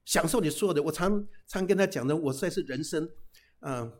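A middle-aged man, a pastor, giving a humorous sermon, telling lively anecdotes peppered with casual tag particles and English phrases. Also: a little high, fairly quick. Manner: lively storytelling with frequent "哈" tags and English phrases.

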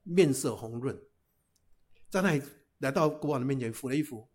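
A man telling a folk tale aloud in a lively, chatty way, with frequent hesitations and restarts. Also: medium pitch, moderate pace, husky. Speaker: storyteller.

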